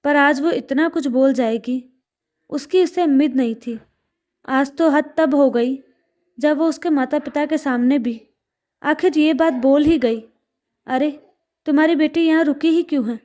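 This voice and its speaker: A woman narrating a moral family story in a steady, scripted reading. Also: high voice, a little slow.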